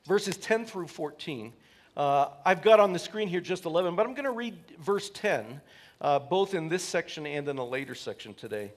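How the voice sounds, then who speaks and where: Give me a male pastor giving a livestreamed sermon, heard through livestream audio, reading scripture aloud and often pausing on "uh". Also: a little high, animated. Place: church sanctuary.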